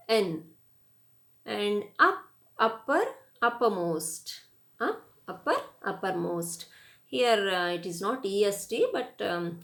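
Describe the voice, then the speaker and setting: A woman with an Indian English accent giving a grammar lesson, spelling words out letter by letter and reading word lists. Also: medium pitch. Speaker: English teacher. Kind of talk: classroom grammar lecture.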